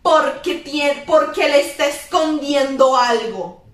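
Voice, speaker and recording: A woman's voice: high voice, takes it slowly. A young Costa Rican woman chatting casually on a podcast, laughing often and mixing English slang into her talk. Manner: laughing, Spanish-English code-switching slang. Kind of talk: casual chat. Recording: echoey room, far from mic.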